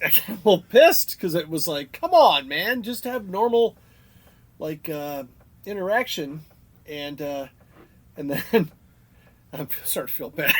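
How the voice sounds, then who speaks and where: A man co-hosting a podcast tells a rambling story in casual chat, swearing and laughing hard. His voice is on the high side and fairly bright in tone.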